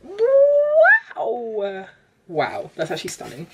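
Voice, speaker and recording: A young woman doing a chatty, self-deprecating makeup vlog in her bedroom, sometimes breaking into excited squeals. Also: lowish voice, moderate pace, very noisy. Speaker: beauty vlogger. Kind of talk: chatty get-ready-with-me vlog.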